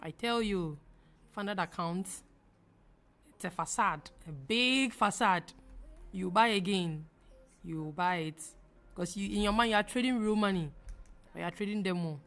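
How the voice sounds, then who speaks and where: A young adult woman from Ghana hosts a live trading stream, answering viewers in a Ghanaian accent with a chatty, emphatic style, repeating phrases and laughing easily. Her mid-range voice is a bit bright, with a measured pace and frequent pauses.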